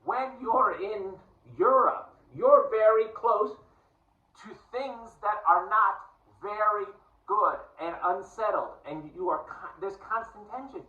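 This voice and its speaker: A man's voice: high-pitched, slow, roomy sound, far from the mic, narrow, tinny audio. A man from the United States, talking to camera in a casual, digressive and earnest monologue. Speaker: vlogger.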